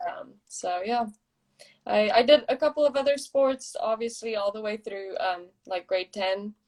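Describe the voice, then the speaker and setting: A woman's voice: medium pitch, measured pace, darkish tone. A young woman from South Africa with an American-tinged South African accent, a guest athlete chatting casually over a video call, easygoing and hesitant with many ums. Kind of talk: casual chat.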